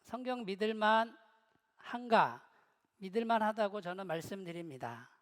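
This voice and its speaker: A man's voice: sits high, normal speed. A middle-aged man preaching a sermon in a church hall, telling stories with humor and joking with the congregation. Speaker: pastor.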